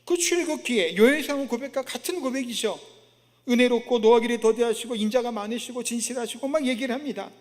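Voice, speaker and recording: A man's voice: very high voice, fast. A male pastor giving a sermon in a conversational way, asking the congregation questions and acting out an indignant prophet's complaints. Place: church sanctuary. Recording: long reverb of a church hall.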